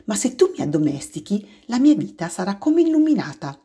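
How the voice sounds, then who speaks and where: A woman voicing a wise, patient fox in a storybook reading, calm and tender. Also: mid-range voice, brisk, husky, voice pushed up. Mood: wistful.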